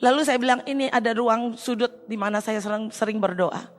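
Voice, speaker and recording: A woman's voice: on the high side, steady tone. Earnest middle-aged woman in echoing hall. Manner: earnest, halting with restarts. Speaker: church testimony speaker. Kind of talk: emotional personal testimony. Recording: long hall reverb.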